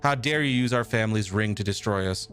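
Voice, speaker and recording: A man voicing a menacing young necromancer tyrant in a video game, speaking slowly and indignantly. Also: fairly low pitch, a bit bright, soft background music, lightly acted.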